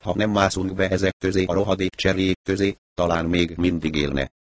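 A man's voice: sits low, flat delivery, no echo, natural voice. A man voicing an irritable, blunt traveller who curses and grumbles in an audiobook. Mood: irritated. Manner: blunt, cursing.

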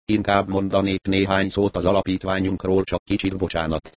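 A man's voice: low voice, monotone, dry recording, lightly acted. A man voicing a flustered, queasy foundation secretary. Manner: apologetic, flustered, keeps belching. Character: queasy, fussy middle-aged male foundation secretary. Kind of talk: audiobook character voice.

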